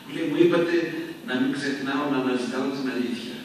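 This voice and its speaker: Older guy lecturing, acts out the people in his story, picked up from far off with some noise. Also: mid-range voice. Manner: lively anecdote with acted-out dialogue. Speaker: church lecturer. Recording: echoey hall, far from mic, background noise.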